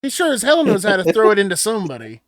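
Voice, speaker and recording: Excitable young male co-host, swears a lot, higher-pitched, dry recording. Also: quick pace, no echo. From Washington State. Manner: loud, excitable, profane. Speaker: podcast co-host and streamer. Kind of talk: casual banter.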